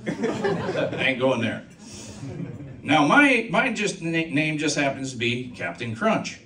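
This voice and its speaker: In a small comedy club, a middle-aged comic on a handheld mic tells trucking stories slowly, his fairly high voice swinging widely in pitch, adding sound effects and crowd asides. Shot from the audience, the recording is distant and echoey, with a noisy background and laughter.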